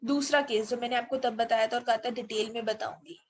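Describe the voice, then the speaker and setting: A woman with an Indian accent teaching English grammar, slowly spelling out example words and switching between Hindi and English. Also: fairly high pitch, fairly even intonation, soft background music. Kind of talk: explanatory lesson mixing Hindi and English.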